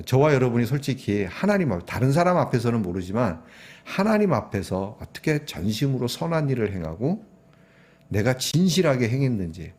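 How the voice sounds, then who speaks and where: A middle-aged man preaching a sermon in a conversational way, sometimes acting out prayers in a hushed voice. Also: medium pitch. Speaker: pastor.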